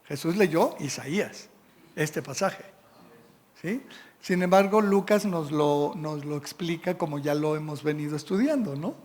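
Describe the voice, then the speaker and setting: A man's voice: on the high side, unhurried, a little mellow, big-room sound. A man with a Mexican Spanish accent preaching a sermon in a church, reading scripture and checking in with the congregation. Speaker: pastor. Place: church sanctuary.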